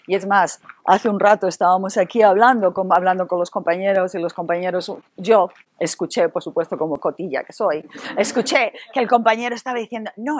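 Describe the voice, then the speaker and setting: With a lowish voice and slight background noise, a woman from Spain who teaches Spanish at a university runs a lively, playful interactive workshop in her Spanish accent, getting the audience to call out answers.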